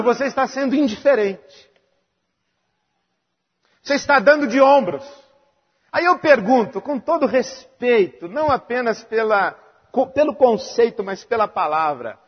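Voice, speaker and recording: Man, pastor, very high voice, husky, emphatic sermon, long hall reverb, dull lo-fi sound. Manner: emphatic preaching with lists of repeated phrases.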